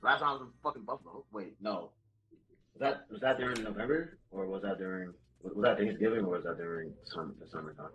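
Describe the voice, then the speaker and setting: A man's voice: fairly low pitch, quick pace, a bit bright, highs cut off, slight background noise. A man in a casual stream chat, rambling, repeating himself and swearing often.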